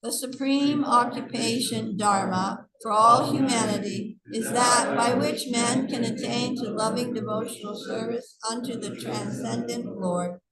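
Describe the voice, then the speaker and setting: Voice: medium pitch, steady tone, measured pace, few pauses, reverberant, far from the mic, a loud crowd, low-quality recording. A man and a woman reading a verse translation aloud together in unison, led by a class teacher. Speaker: teacher leading a scripture class. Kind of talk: group recitation of a verse translation.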